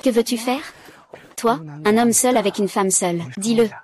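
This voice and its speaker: A woman reading all the parts of a dubbed drama recap in one flat, even voice. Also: a little high, normal speed, slight background noise.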